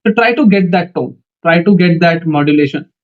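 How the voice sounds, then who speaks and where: A young man with an Indian English accent giving a coaching lecture, speaking in a calm, measured way and often repeating "okay" between points. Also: a little high. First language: Hindi. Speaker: teacher for defence exam interviews. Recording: dull lo-fi sound.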